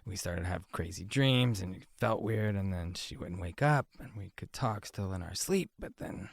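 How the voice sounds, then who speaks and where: A man's voice: deep voice, normal speed, gravelly, no room sound, studio quality. A man playing a tabletop game who talks in character in a laid-back, drawling way. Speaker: player. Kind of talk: in-character roleplay.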